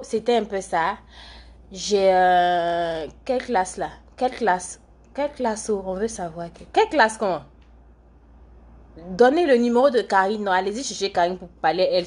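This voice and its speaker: A young woman talks loosely and chattily on a livestream. She rambles from one viewer question to the next while doing her makeup, and her voice sits at a middling pitch. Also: moderate pace, a little mellow. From Côte d'Ivoire. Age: young adult. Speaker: live streamer and student. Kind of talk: casual livestream chat answering viewer comments.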